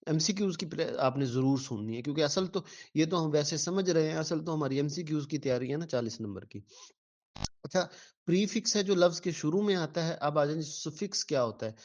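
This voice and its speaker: A man's voice: a little high, brisk, darkish tone. A male teacher giving an exam-prep lecture, patiently repeating words syllable by syllable and answering his own questions.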